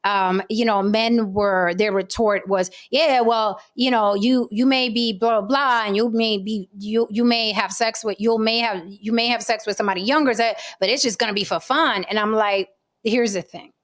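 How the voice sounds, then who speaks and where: A woman's voice: a little high, steady tone, moderate pace. Chatty woman host in her forties. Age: 40s. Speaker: talk show host. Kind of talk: casual panel chat.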